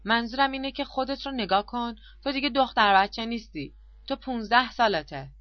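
A woman's voice: on the high side, dry recording, highs cut off, voice pushed up, lightly acted. A woman reading the lines of a stern, irritable young male tutor who scolds and lectures. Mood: lecturing.

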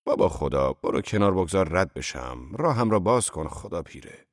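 A man's voice: low voice, sing-song, dry recording, studio quality. A man voicing a swaggering, insolent young man who talks cheeky and brash in a told tale.

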